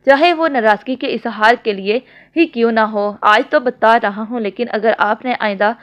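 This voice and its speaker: A woman reading the lines of a possessive, doting young man in a romance novel, low and firm. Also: moderate pace, lightly acted. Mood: stern. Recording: dull lo-fi audio.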